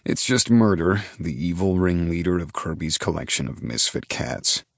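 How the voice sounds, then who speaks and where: A man's voice: deep voice, animated, moderate pace, vocal fry, no echo. A man narrating a first-person audiobook in a dry, laid-back storytelling manner.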